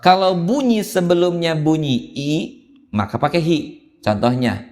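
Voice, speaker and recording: Slow-spoken man teaching in a mosque hall. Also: fairly high pitch, a little mellow. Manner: patient explaining, drawn-out chanted examples. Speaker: Quran teacher. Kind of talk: mosque Quran reading lesson. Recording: long hall reverb in a mosque.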